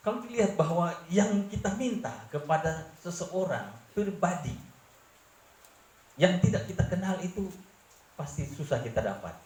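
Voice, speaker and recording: Earnest Manado pastor in an echoing church. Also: male voice, lively intonation, moderate pace, a little mellow. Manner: earnest preaching, sweeping from low confiding tones to raised emphatic ones. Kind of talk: sermon. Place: church hall. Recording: roomy church echo, faint ambience.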